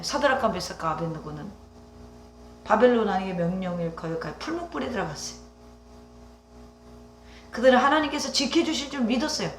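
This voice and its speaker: A woman's voice: mid-range voice, slight background noise. A woman pastor preaching a Sunday sermon, emphatic, with rising exclamations and rhetorical questions to the congregation. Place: church sanctuary. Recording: echoey church hall.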